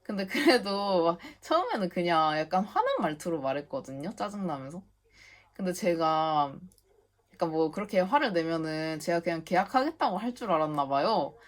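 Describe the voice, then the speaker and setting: Low-voiced young woman ranting indignantly. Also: lively intonation, moderate pace. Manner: indignant, ranting, swears when retelling; chatty, heavy use of fillers. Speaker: vlogger. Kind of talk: casual storytelling voice-over.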